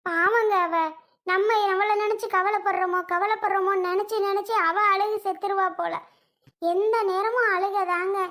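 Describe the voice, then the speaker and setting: A woman playing a practical middle-aged wife who briskly scolds her husband in a home-made family drama skit. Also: very high-pitched, steady tone, fairly bright tone. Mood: worried.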